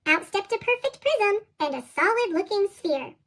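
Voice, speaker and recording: Squeaky chipmunk-voiced storybook reader. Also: expressive, normal speed, fairly bright tone. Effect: sped-up, high chipmunk-style pitch shift. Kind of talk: reading picture books aloud.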